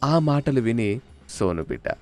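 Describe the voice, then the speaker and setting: A man narrating a children's cartoon story in an expressive storytelling manner. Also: medium pitch, a little slow, soft background music.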